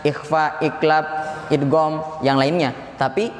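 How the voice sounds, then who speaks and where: A man's voice: on the high side, fairly even intonation, slow. A man, a Quran recitation teacher patiently drilling a group and counting them in, in a large mosque hall. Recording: echoey hall, faint room ambience.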